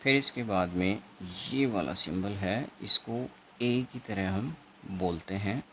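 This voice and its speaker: Man, Indian English accent, exam-prep teacher, slow and repetitive, writes as he explains, faint background noise. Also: on the low side, a bit bright. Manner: writes on a board while talking. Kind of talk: Hindi exam-prep phonetics lesson.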